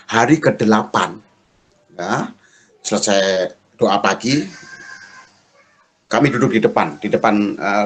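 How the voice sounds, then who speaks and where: A middle-aged male pastor preaching a sermon, telling a story and acting out the dialogue in raised voices. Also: a little hiss or hum. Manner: lively storyteller, acts out dialogue in high voices.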